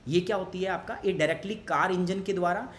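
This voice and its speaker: A man's voice: sits high, fast talker, reverberant, slight background noise. A young man teaching an online exam-prep class, chatty and pushy, mixing Hindi with English and asking the class questions as he goes. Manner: pushy, motivational asides to students.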